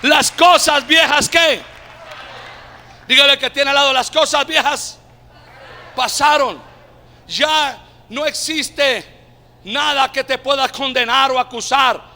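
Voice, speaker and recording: A Colombian man preaching a sermon, calling out to the congregation and rising to shouted climaxes. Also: very high voice, slow, big-room sound, a faint crowd. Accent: Colombian Spanish. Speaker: pastor.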